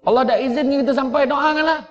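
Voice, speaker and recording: A man's voice: very high-pitched, fast. A man with a Malaysian Malay accent giving a humorous sermon as a preacher, telling stories and acting out scenes as he goes. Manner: lively storyteller acting out scenes. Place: mosque or prayer hall. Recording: echoey hall, dull lo-fi sound.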